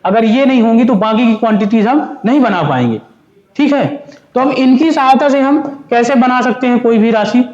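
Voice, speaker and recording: A high-pitched male teacher gives a physics lecture, asking his students questions and answering them himself. The sound echoes in the room, and the recording is dull and lo-fi. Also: normal speed, darkish tone. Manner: explains step by step, asks and answers his own questions; mixes Hindi and English terms. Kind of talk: classroom lecture.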